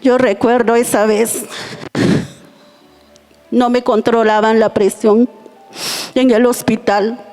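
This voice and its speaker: A woman's voice: fairly high pitch, flat delivery, slow, pauses often, a little mellow, faint music behind. A middle-aged woman telling her personal testimony to a church congregation, earnest and heartfelt. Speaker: church member giving testimony.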